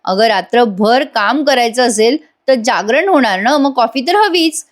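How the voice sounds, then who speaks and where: A woman's voice: fairly high pitch, lively intonation, unhurried. A woman voicing a sleepy young man who whines about late-night work, in a recap voice-over. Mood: whiny. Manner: whining and complaining. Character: sleepy young male friend, whiny. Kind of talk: recap voice-over reading of a soap scene.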